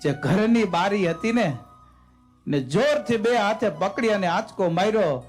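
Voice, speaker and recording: High-voiced, dramatic temple storyteller man. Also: a little slow, faint music behind. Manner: dramatic, expressive narration. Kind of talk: devotional story sermon.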